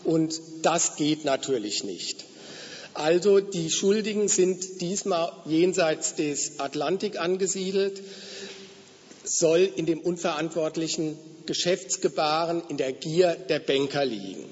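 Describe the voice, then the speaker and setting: A guest lecturer with a slightly hoarse, fairly high voice gives a measured, explanatory academic lecture with occasional fillers. The audio is dull and lo-fi, and the hall adds a long reverb.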